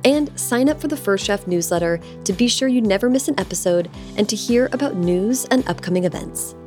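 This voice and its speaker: A woman's voice: mid-range voice, animated, fairly quick, a little mellow. Young woman podcast host, bubbly and eager, faint music under her voice. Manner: bubbly, enthusiastic. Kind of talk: podcast host read and interview.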